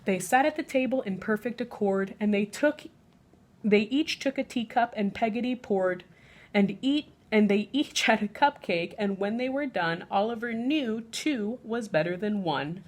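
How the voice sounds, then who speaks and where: Here a woman reads a rhyming picture book to children as a bedtime story, her voice mid-range. She keeps an expressive, measured pace and draws out the final words of lines.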